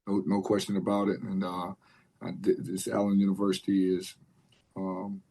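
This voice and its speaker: A man coaching college basketball, speaking in a measured way in an interview, slightly hoarse from losing his voice. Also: deep voice, completely flat delivery, dark tone. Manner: measured, repeats words while thinking. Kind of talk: radio interview.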